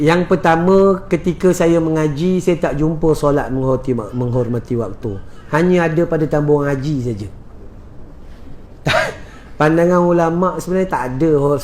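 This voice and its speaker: A man with a Malaysian Malay accent, a religious teacher answering questions in a lively, joking lecture, explaining step by step. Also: fairly high pitch.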